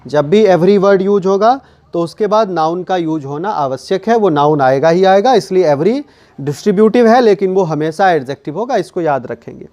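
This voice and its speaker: A man teaching English grammar in a classroom lesson, slowly explaining, repeating key words and asking and answering his own questions. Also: high voice, expressive, warm tone. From India.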